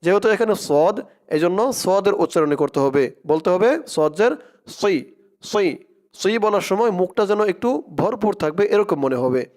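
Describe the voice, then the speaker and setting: A man teaching Quran pronunciation, spelling out each letter slowly and then chanting the verse in long drawn-out tones. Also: sits high, lively intonation, a little mellow. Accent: Bangladeshi Bengali.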